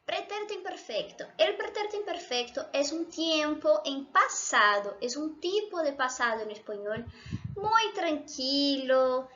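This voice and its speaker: A woman's voice: high-pitched, sing-song, unhurried, fairly bright tone, dull audio. A woman from Brazil, a native Portuguese speaker with a Brazilian accent, patiently explaining Spanish grammar and often checking in with her students. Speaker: Spanish teacher.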